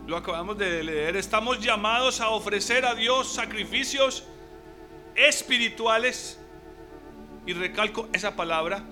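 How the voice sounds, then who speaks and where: A male preacher delivering a sermon in a high, piercingly bright voice. He talks to the congregation with emphasis, slowing down to stress key words and asking rhetorical questions. Faint music sits underneath.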